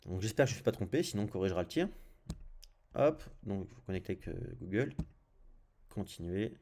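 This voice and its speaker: Tutorial host: male, French accent, deep-ish warm tone, relaxed screen-share narration full of small fillers. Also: a little fast, gravelly, a little hiss or hum. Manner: thinks aloud while clicking through screens, frequent "hop" and "euh". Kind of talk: casual screencast coding tutorial.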